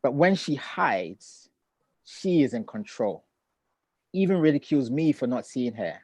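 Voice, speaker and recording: A middle-aged man who grew up in Ghana, a poet, reading his poems and talking about family in a measured, reflective way over a video call. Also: medium pitch, very animated, a little mellow, no echo. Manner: measured and reflective, with thoughtful pauses. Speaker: poet and author. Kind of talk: poetry reading and relaxed conversation.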